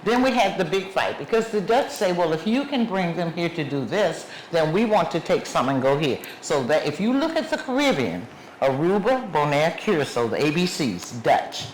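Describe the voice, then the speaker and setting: A woman with a lowish, sing-song voice speaks at a moderate pace as a guest lecturer in a museum, emphatically stressing points and naming places one after another. It's a public lecture with questions, picked up by a clip mic hidden under her shawl in an echoey room with faint background noise.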